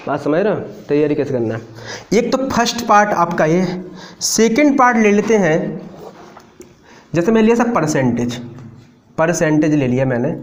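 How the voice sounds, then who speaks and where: A high-voiced male maths teacher lectures a classroom of students. He talks casually and checks in with them every few sentences. The room is echoey. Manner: talkative, asks students frequent check questions.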